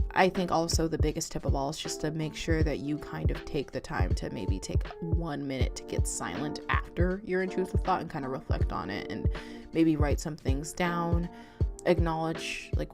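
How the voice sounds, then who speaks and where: A young woman talking casually to camera, rambling with many fillers and restarts. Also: sits low. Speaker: vlogger. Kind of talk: casual confessional talk to camera.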